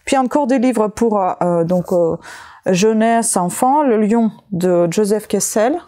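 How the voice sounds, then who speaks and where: A woman vlogger chatting casually as she shows and names the books she found, talking slowly with many fillers and pauses. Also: medium pitch, lively intonation, warm tone. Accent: French-speaking with a non-native accent. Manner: slow, hesitant listing with many fillers. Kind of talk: casual haul video chat.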